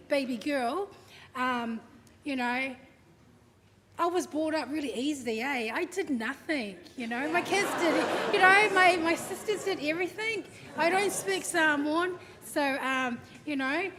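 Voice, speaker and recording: A high-pitched woman gives a eulogy at a family service. She tells stories in a chatty, humorous way and acts out the quotes. Her voice rings through a big echoey hall with faint noise behind it. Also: a bit bright. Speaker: daughter giving a eulogy. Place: large hall at a memorial service.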